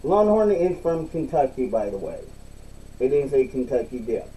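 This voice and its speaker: A man giving a casual, unscripted review in a halting, repetitive way, recorded slightly away from the mic. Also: medium pitch, big pitch swings, warm tone, distant mic, poor audio. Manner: halting, repeats himself. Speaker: product reviewer.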